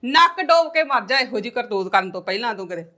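A woman's voice: fairly high pitch, lively intonation, fast, pushed and bright. A woman playing a stern middle-aged mother who lectures and curses her married daughter in a family drama. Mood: scolding.

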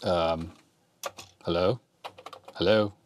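A man in his forties speaks low, drawing out his words, as he thinks aloud and types on an old computer he's testing. The retro computer repair YouTuber is filmed up close in a cluttered workshop, his casual hands-on demo backed by keyboard clicks.

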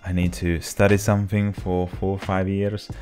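A young man with a Czech accent talks to camera from a small home office, telling a relaxed story in slightly broken English. His voice sits low, and he speaks into a desk mic on a boom arm. Faint music plays underneath. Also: normal speed. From Czech Republic. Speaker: vlogger. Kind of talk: casual talk to camera.

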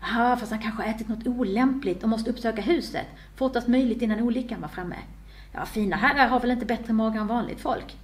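A woman's voice: a little high, natural voice. A woman voicing a hungry servant boy muttering to himself. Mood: musing.

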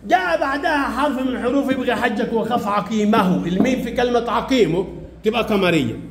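A man's voice: extremely high pitch, fairly quick. A man with an Egyptian accent teaching a primary class, coaxing pupils with repeated questions. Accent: Egyptian Arabic. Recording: echoey classroom.

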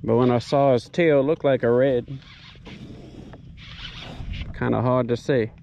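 A man talking excitedly to himself while fighting a fish from a kayak, recorded outdoors on an action camera. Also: mid-range voice, takes it slowly, vocal fry, highs cut off, slight background noise. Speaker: kayak angler filming his catch. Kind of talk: casual first-person commentary. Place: outdoors on a kayak on open marsh water. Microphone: head or chest-mounted action camera.

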